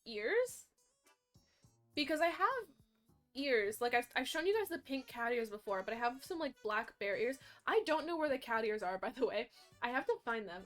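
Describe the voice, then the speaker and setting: A young woman, chatting casually and rambling with her stream audience, animated and often correcting herself. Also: on the high side, moderate pace, faint music behind.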